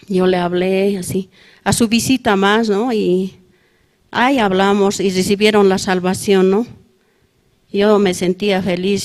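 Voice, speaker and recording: A woman's voice: on the low side, darkish tone. A middle-aged woman with a Bolivian Spanish accent, giving a testimony at a prayer service in a plain, conversational way and ending nearly every phrase with a questioning tag. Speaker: church member giving testimony.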